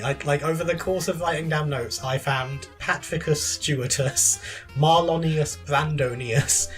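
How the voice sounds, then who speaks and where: A fairly high-voiced man co-hosting a podcast, chatting casually about video games. He is chatty and breaks into giggles between sentences, with faint music behind him. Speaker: podcast co-host.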